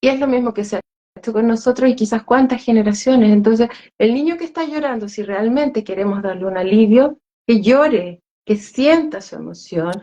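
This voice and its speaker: A woman's voice: fairly high pitch, normal speed, warm tone, dull audio. A woman co-hosting a conversation, explaining earnestly.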